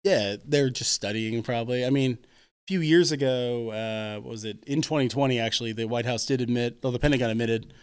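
A man's voice: mid-range voice, brisk, clean tone. A man chatting casually in a rambling, explanatory way. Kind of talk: casual chat.

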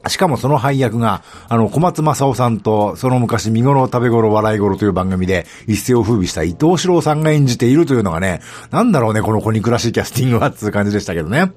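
A man's voice: mid-range voice, animated, quick pace, few pauses, a little mellow. A middle-aged man hosting a podcast, talking casually and rambling with many fillers and asides. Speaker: podcast host. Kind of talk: casual solo talk about a TV drama.

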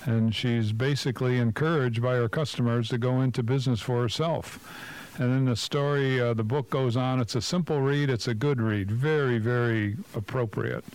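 Blunt man with a mid-pitched voice. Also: fairly even intonation, moderate pace, a little mellow, clean tone, rough recording. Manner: blunt, opinionated, asks rhetorical questions. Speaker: radio show co-host and business coach. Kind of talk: casual radio talk show commentary.

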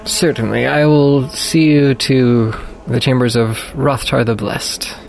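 A man's voice: mid-range voice, steady tone, a little slow, vocal fry, a little hiss or hum. A man voicing a polite dwarf temple priest in a tabletop game, with courteous, formal speech. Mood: courteous, helpful.

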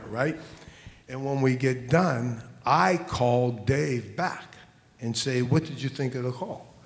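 A man in his sixties, a financial advisor on a conference panel, telling an earnest story, often restarting and repeating words as he acts out conversations. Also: mid-range voice. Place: conference hall. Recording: long hall reverb.

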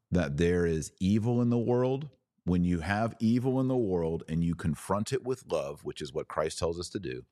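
A low, dark-toned American voice belongs to a podcast host giving religious commentary that blends sermon with live-stream chat. He sounds earnest and emphatic, piling up lists phrase by phrase, captured in clean studio sound with no echo.

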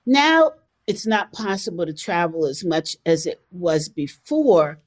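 American woman, slow careful talker, earnest about it. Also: fairly low pitch, sing-song. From United States. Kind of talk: conversational discussion.

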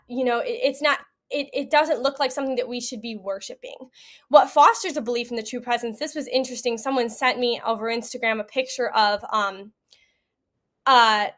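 A young woman appears as an interview guest, recounting what she saw at World Youth Day in a conversational, earnest way and often dropping in "you know." Her voice is high-pitched and a little bright.

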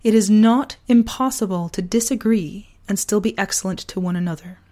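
Her voice partly gone from a sore throat virus, a woman hosts her personal podcast, mixing reflective essay with casual chat. She talks earnestly and deliberately in a mid-range, mellow voice.

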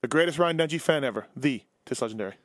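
A man's voice: mid-range voice, expressive, no room sound, studio quality. A man hosting a sports radio call-in show, talking in casual, joking, sarcastic banter. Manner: jokey, sarcastic, fast-moving banter.

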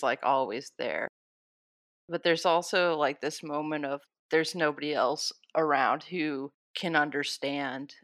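A woman's voice: deep voice, dry recording, studio quality. A woman co-hosting a casual TV recap chat, enthusiastic and steering the discussion.

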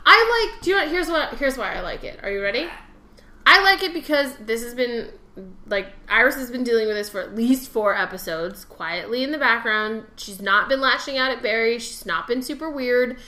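A woman co-hosting a podcast in casual chat, emphatic and excitable and swearing freely. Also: fairly high pitch, moderate pace. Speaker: podcast co-host. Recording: roomy echo.

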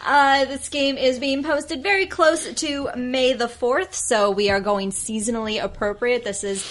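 Female game master, fairly high voice, casual podcast hosting style. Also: fairly even intonation, measured pace, fairly bright tone.

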